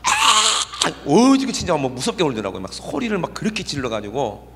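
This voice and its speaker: A man's voice: a little high, wildly swooping pitch, quick pace, a little hiss or hum. A middle-aged man preaching a sermon in a conversational way, often checking in with his congregation. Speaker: pastor. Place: church sanctuary. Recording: long church reverb.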